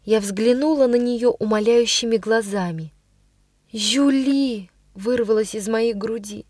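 A woman reads a story aloud with dramatic expression in a fairly high voice. The sound is close and dry, with no room around it. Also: steady tone, moderate pace, mellow, no echo. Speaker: audiobook reader.

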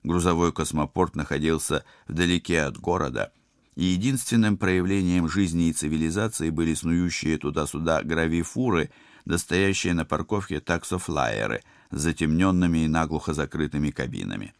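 A man narrating an audiobook in an expressive, wry style. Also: a bass voice, normal speed, gravelly, no echo, studio quality. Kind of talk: scripted narration.

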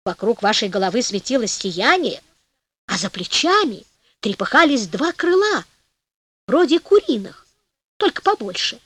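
Storybook trickster: a wheedling, falsely meek peasant man with a high, sing-song voice, done by a woman. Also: very animated, a little slow, a bit bright, husky, no room sound, exaggerated voice. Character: sly flattering peasant rogue, man.

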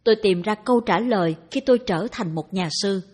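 Woman, breathy voice, calm read-aloud dharma talk, medium pitch. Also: fairly quick. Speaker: reader of dharma talks.

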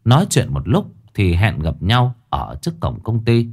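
Lively male ghost story narrator. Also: fairly low pitch, moderate pace, vocal fry, husky.

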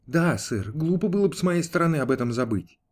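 A man voicing a dutiful archangel, formal and polite, holding his patience with his master. The delivery is animated, with a wide, lively pitch, as in a storybook reading. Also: fairly quick. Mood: restrained. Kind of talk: audiobook character voice.

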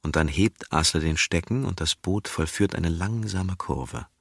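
Low husky male audiobook narrator. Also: unhurried, fairly bright tone, no echo, clean studio sound. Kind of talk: literary audiobook reading.

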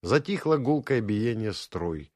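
A man reading an audiobook in first-person narration, expressive and lightly ironic, on a close studio mic. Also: lowish voice, measured pace, no echo.

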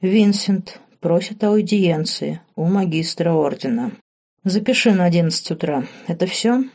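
Woman voicing sardonic male lord, curt, low mellow tone, audiobook. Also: unhurried. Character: cold powerful grand master, man in his thirties.

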